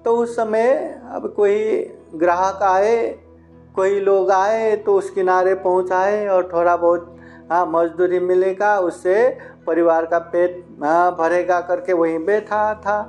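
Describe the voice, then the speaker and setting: A man, a Buddhist monk, tells a moral story in an unhurried way, repeating phrases and dropping in little "haan" interjections. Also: high voice, fairly even intonation. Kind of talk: storytelling dharma talk. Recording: faint instrumental music behind. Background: soft instrumental music.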